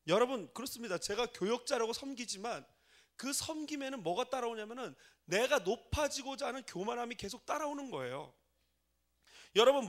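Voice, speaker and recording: A man in his forties from Korea, a pastor giving a sermon in a church, telling stories with acted-out quotes and putting questions to the congregation. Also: sits high. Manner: animated storytelling, acts out quoted voices, asks the congregation questions. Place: church sanctuary.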